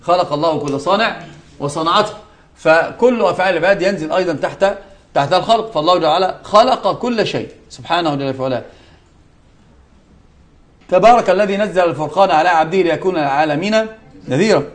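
Teaching his students a religious lesson, this sheikh has a male voice that sits high. He stresses his points forcefully, returning to key words, citing scripture, and pausing for brief remarks aimed at the class.

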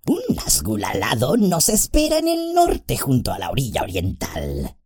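A man voicing a sly, malevolent male orc messenger in an audiobook, his voice softer and sweeter than the others, sneering and mocking. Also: mid-range voice, wildly swooping pitch, a little slow, slightly rough, pitched above the performer's own voice, heavily acted. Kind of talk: audiobook character voice.

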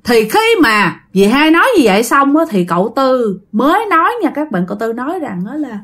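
A woman's voice: on the high side, big pitch swings, a little fast, fairly bright tone. Chatty Southern Vietnamese woman storyteller. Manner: chatty, addresses listeners directly. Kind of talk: spoken ghost story narration.

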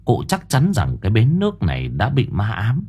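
A man narrating an audiobook in a dramatic, expressive storytelling manner. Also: on the low side, moderate pace, slightly rough.

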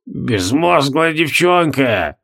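A man reading an audiobook, voicing a dying one-eyed male wizard marshal who speaks hoarsely, slowly and curtly. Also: mid-range voice, a bit bright. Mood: weak, bitter. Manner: slow, curt commanding. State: hoarse, barely audible. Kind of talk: audiobook character voice.

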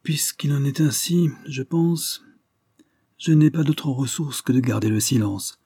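A man voicing a proud young gentleman who is accused of a crime and answers in a calm, measured way, in an audiobook reading. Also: mid-range voice, breathy edge, no echo, clean studio sound, close to an everyday voice. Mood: guarded.

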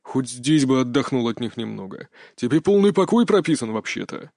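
Man doing a grumbling gruff father. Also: medium pitch, slow, mellow, no echo, studio quality. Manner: grumbling, reluctant.

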